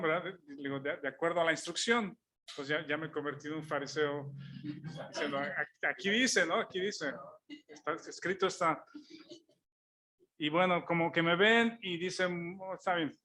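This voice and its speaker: A man's voice: on the high side, sharp tone. A man preaching, telling a personal story as a sermon illustration and acting out the people in it. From Mexico. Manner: storytelling, acts out dialogue, chuckles while telling it. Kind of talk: sermon illustration told as an anecdote.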